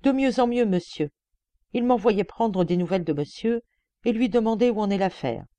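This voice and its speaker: A woman's voice: medium pitch, animated, moderate pace, warm tone, dry recording, close to an everyday voice. A woman reading a deferential valet. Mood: polite. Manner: deferential and polite. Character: polite male valet, deferential and correct.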